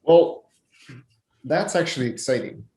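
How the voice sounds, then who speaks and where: A man's voice: a little high, a little slow, mellow. Casual man in an echoey room. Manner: rambling, many restarts and fillers. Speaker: podcast co-host. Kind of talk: casual chat. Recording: roomy echo.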